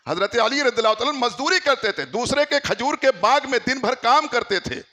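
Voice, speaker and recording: High, lively-voiced male preacher. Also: brisk. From India. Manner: emphatic, exhorting the listeners. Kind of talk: Islamic storytelling sermon.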